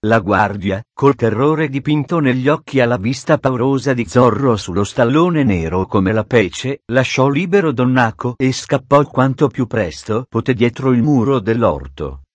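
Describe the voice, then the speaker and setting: A man narrating an adventure storybook in a steady, dramatic reading on a close studio microphone. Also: medium pitch, moderate pace, hardly any pauses, no echo. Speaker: audiobook narrator.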